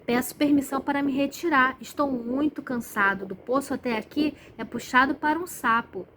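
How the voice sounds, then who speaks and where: A well-mannered male frog from a storybook, as a woman reader puts him on, patient and courteous in tone. The voice stays fairly high and close to the reader's own. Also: moderate pace, bright, forceful tone, a little hiss or hum. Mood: polite.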